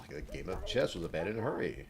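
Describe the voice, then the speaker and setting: Low-voiced dude rambling through a game playthrough, voice bouncing all over, lots of likes. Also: male voice, big pitch swings, quick pace, gravelly, a crowd in the background. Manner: rambling and chatty, lots of "like" fillers. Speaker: let's play host. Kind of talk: casual gameplay commentary.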